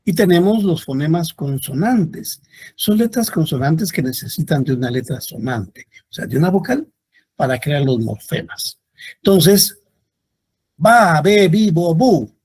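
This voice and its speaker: A male university lecturer, teaching at an unhurried, deliberate pace. His voice has a husky, slightly breathy grain, and his pitch rises and falls in a lively way as he repeats examples for the class.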